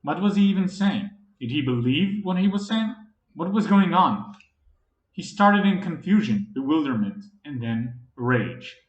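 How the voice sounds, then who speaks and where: A man reading fantasy audiobook narration in a dramatic, expressive way. The recording is roomy. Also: fairly high pitch, a little slow, lo-fi sound. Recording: roomy echo.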